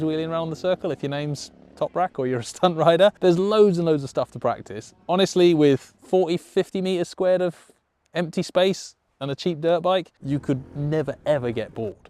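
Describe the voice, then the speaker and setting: A motorcycle riding instructor who also presents the show talks at a normal pace, his fairly high voice carrying a darkish tone. He walks viewers through the tutorial with conversational enthusiasm and encouragement.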